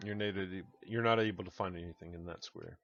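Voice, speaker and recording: A man's voice: deep voice, steady tone, fairly quick, creaky, fairly bright tone. A man acting as game master, narrating and refereeing a tabletop game in a casual, conversational way. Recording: muffled lo-fi audio with background music. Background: background music.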